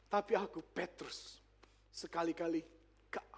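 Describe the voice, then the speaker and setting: A man voicing the disciple Peter, boastful then humbled, in a low, quiet voice. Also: steady tone, measured pace, slightly rough.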